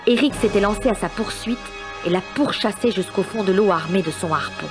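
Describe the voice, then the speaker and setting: A woman narrating a children's story in a scripted, dramatic style. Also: medium pitch. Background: music.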